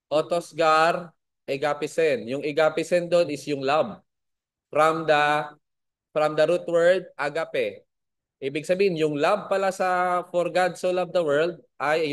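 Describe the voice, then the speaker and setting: A man teaching a Bible school lesson to a class, spelling out words and asking his students questions. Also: fairly high pitch.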